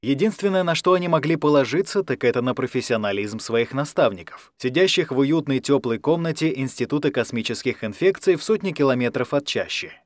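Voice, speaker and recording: Male audiobook narrator, mid voice, measured scripted reading, dry studio. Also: mid-range voice, animated, dry recording. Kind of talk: scripted narration of a science fiction story.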